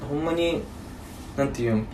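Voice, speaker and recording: A man's voice: a little high, a little fast. Kansai man, casual podcast chat, easygoing, distant mic with noise behind. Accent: Kansai Japanese. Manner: relaxed, chatty, laughs easily. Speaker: podcast co-host. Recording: echoey room, mic at a distance, noisy background.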